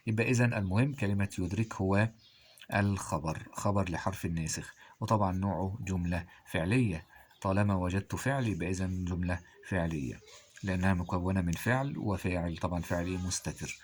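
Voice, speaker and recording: A male teacher with an Egyptian Arabic accent, walking through exam answers and prompting listeners with quick questions. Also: deep voice, slight background noise. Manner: quizzing listeners with rhetorical questions. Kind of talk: exam review lesson.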